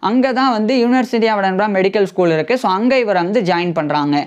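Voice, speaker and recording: A young man talks through a history lesson in a relaxed explainer style, restating each point and unpacking terms as he goes. He is recorded on a lapel mic in a small studio. The audio is a little dull and lo-fi. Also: high-pitched, fairly quick, smooth. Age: young adult. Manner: repeats each point and glosses English terms in plain words. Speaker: history presenter. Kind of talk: casual educational explainer. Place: indoor studio with green-screen news backdrop.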